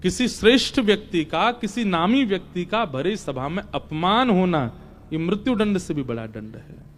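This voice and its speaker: A man's voice: high voice, animated, moderate pace, a little hiss or hum. A man narrating a devotional story sermon with dramatic emphasis, acting out the characters as he goes. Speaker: religious storyteller.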